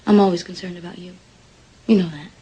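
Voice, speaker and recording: A woman's voice: fairly low pitch, fairly even intonation, fast talker, warm tone, lo-fi sound, close to an everyday voice. An actress playing a worried, devoted woman of the household in a 1980s soap opera, speaking earnestly and solicitously. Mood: worried, caring.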